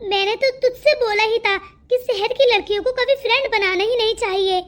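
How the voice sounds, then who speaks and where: A bossy, reassuring young village friend, voiced by a woman for a cartoon story. She talks in a very high voice, briskly giving advice. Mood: advising. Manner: brisk, advising, confiding. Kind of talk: cartoon voice acting.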